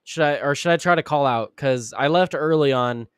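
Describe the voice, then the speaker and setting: A sick man hosts a live show, his voice raspy and deeper than usual as he clears his throat and coughs. He rambles at a moderate pace with lots of fillers and restarts, offering casual live-stream commentary. The audio is studio quality with no room sound.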